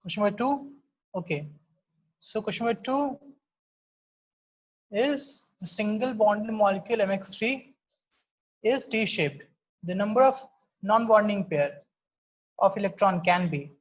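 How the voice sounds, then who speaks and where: A woman's voice: medium pitch, animated, very slow, long pauses. A woman teaching a chemistry class, explaining step by step and checking in with her students often. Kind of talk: online class lecture, mixing Hindi and English.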